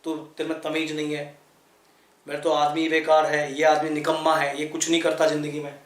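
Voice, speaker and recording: A man's voice: a little high, monotone, normal speed, voice pushed down, lightly acted. A man acting out a wife harshly scolding her husband, in an echoey room.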